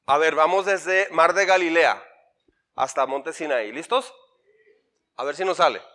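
A man's voice: on the high side, unhurried, bright, forceful tone. A man, a pastor leading an interactive Bible workshop in church. He talks playfully and drills the listeners with repeated lists and questions. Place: church before a congregation.

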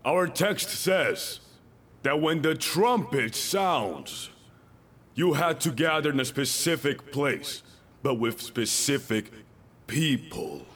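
A man's voice: medium pitch, big pitch swings, slow pace, a bit bright. A male pastor preaching a sermon, emphatic and repeating his key lines, with joking asides to the congregation.

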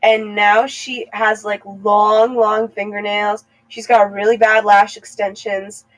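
A woman in her twenties co-hosting a casual chat, animated and full of jokes. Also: mid-range voice, no room sound. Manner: animated, joking, quick quips. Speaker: podcast co-host.

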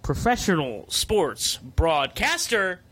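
A man's voice: a little high, sing-song, takes it slowly, pushed and bright, slightly rough. A man hosting a casual sports podcast, introducing his co-hosts, laughing easily and making emphatic points. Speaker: podcast host.

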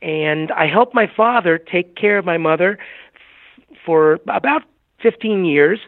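A man's voice: sits high, measured pace, no room sound. A man in his seventies, a guest in a conversational interview, telling his story in a gracious, chatty way with some hesitations. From Puerto Rico, raised in Southern California. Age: 70s. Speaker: guest, agency CEO. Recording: tinny phone-like remote line.

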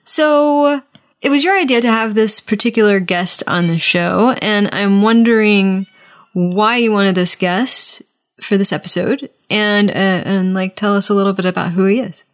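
A woman's voice: medium pitch, unhurried. A woman podcast co-host with a runny nose, chatting casually in a playful, jokey way.

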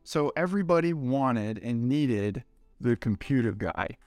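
A man's voice: mid-range voice, expressive, unhurried, darkish tone, no room sound, faint music behind. A middle-aged man telling stories casually in an interview, with a laid-back stoner way of talking, full of slang and swearing. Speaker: interview guest recounting a cannabis industry career. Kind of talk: casual anecdotal interview storytelling.

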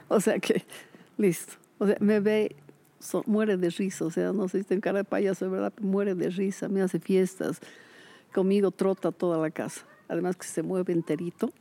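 Lively older woman telling stories. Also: medium pitch, normal speed. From Bolivia. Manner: lively storyteller, acts out quoted voices, laughs often. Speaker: retired teacher, guest. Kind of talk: casual interview chat.

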